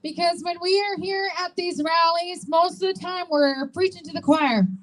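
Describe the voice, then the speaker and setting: High-voiced woman hosting a rally. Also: steady tone, moderate pace, a bit bright, slight background noise. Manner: encouraging, engaging the crowd with questions. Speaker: rally host and volunteer organizer. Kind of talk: informal emcee announcements. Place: public rally, speaking to an audience.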